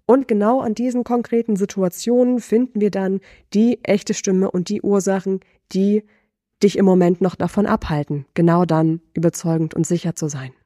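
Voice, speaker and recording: A middle-aged woman voice coach giving a lesson, asking the listener slow, deliberate reflective questions. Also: mid-range voice, steady tone, warm tone, no echo, clean studio sound.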